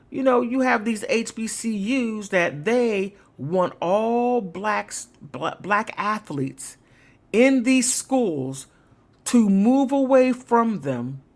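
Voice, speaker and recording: A livestream host rambles through political commentary at an unhurried, deliberate pace. The delivery is emphatic and casual, with laughter now and then. The voice sits at a mid pitch.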